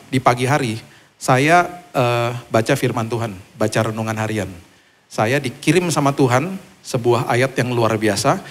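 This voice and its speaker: Male pastor, sermon with testimony; animated storyteller who acts out quoted voices. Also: medium pitch.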